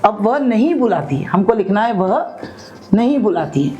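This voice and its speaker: A woman with an Indian accent teaching spoken English, explaining each rule step by step, asking her students questions and slowly repeating example sentences. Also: medium pitch, big pitch swings, a little mellow, poor audio.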